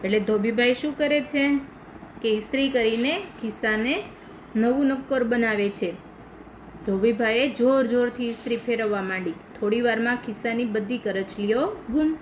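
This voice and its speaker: A woman from India, a primary school teacher, reading a story aloud to pupils and pausing to explain it patiently. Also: on the high side, slight background noise, rough recording.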